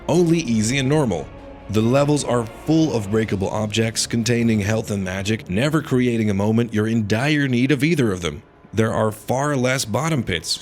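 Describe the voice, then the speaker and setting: A man narrating a scripted video game review in an opinionated, critical manner. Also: fairly low pitch. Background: faint background music.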